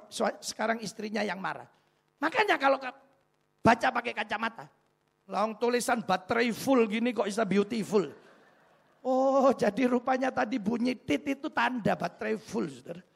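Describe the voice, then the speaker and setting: Gravelly, high-voiced male preacher. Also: normal speed. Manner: humorous, asks the congregation rhetorical questions. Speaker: pastor. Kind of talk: sermon.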